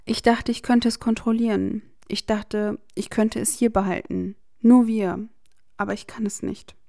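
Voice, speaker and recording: A woman's voice: mid-range voice, steady tone, a little slow, vocal fry, mellow, dry recording, clean studio sound. Regulus, a woman reading a bitter defiant young man. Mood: resigned. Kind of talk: fan fiction audiobook reading.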